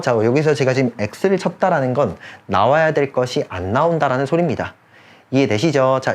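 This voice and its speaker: A man teaching an English grammar lecture, stopping often to check that students follow and repeating key points. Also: mid-range voice. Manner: drawls key phrases slowly for emphasis. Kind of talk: online lecture.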